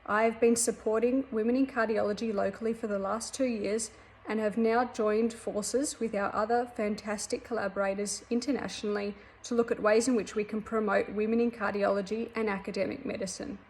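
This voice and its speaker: A woman cardiology trainee from Australia, introducing herself in a clear, composed way. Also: medium pitch, steady tone, brisk, darkish tone, rough recording.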